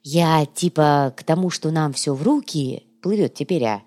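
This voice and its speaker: A woman voicing a dim male thug who talks slowly in a mumbling, slangy way. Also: deep voice, dark tone, lightly acted. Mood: dull.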